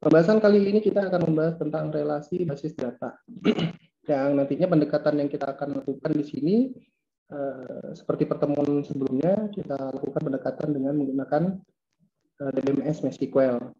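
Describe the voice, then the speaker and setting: A man with a hoarse voice giving an online lab lecture, hesitating with many fillers and clearing his throat often. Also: a little high, mellow. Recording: dull lo-fi online call audio.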